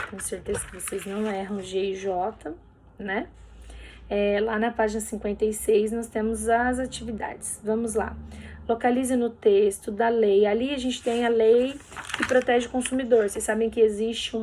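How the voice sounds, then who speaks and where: A woman's voice: medium pitch, mellow, a little hiss or hum. A woman teacher going over workbook answers in a recorded lesson, explaining patiently step by step and checking in with tag questions.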